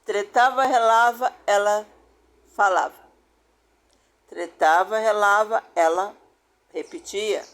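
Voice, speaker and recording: A woman's voice: medium pitch, slow pace, long pauses. An older woman with a Brazilian accent telling her own family story as a personal testimony, stressing her points by repeating phrases. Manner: emphatic, repeats phrases for weight.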